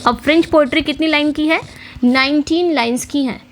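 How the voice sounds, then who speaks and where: Woman teacher with a high voice, exam-prep lecture, quiz-style questions and repetition. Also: a little hiss or hum. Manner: explains in Hindi mixing English terms, repeats key points with quiz questions; reads English question text slowly. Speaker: English literature teacher.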